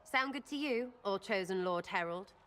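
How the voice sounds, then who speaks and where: A woman's voice: medium pitch, animated, normal speed, fairly bright tone, natural voice. An actress playing a blunt, sarcastic young woman archer in a video game, crude and irreverent. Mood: flippant. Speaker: companion character in a video game.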